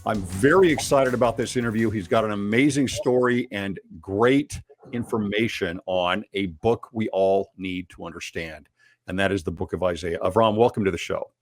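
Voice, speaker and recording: A man's voice: on the low side, moderate pace, soft background music. A man hosting an interview show, introducing his guest with upbeat enthusiasm. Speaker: podcast host.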